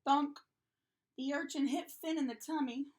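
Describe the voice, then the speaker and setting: A woman reading a children's picture book aloud in a lively, expressive way. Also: sits high, normal speed. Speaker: storybook reader. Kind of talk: children's story read-aloud.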